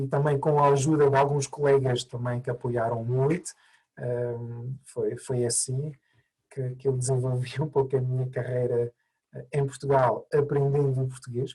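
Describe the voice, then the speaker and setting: A mediator speaks as an interview guest in a mid-range, mellow, husky male voice. He learned Portuguese as an adult rather than by birth, and he answers thoughtfully, with many hesitations and restarts. The recording is rough.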